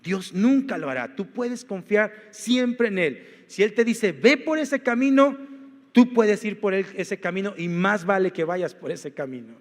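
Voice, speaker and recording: A man's voice: sits high, lively intonation, a little slow, few pauses, big-room sound. A male pastor preaching a sermon, walking his congregation through numbered points and rhetorical questions. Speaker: senior pastor. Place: church.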